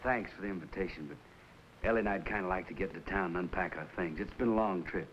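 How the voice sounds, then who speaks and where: An actor playing an easygoing young country doctor with a Southern accent and a folksy drawl, in a 1950s TV western. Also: male voice, deep voice, quick pace, slight background noise, lightly acted. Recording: dull lo-fi old TV soundtrack.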